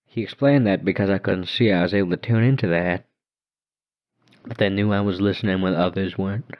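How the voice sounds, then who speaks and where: Speaking fairly quickly, a very deep-voiced man gives dramatic first-person narration of a horror tale. The audio is muffled, with the high frequencies missing.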